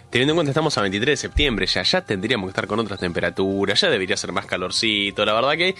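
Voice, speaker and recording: A radio host with a Buenos Aires accent opens his live show with a quick, lively, sharp-toned delivery in a fairly low voice. Over a music bed, he runs through the news conversationally with his own commentary, repeating phrases for emphasis while fighting a cough and a cold.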